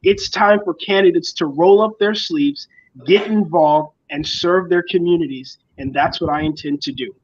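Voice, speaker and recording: A young man from the Bahamas lays out his campaign with confident, speech-like conviction. His voice sits a little high. The recording is dull and lo-fi. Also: normal speed. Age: young adult. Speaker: school board candidate. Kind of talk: campaign interview.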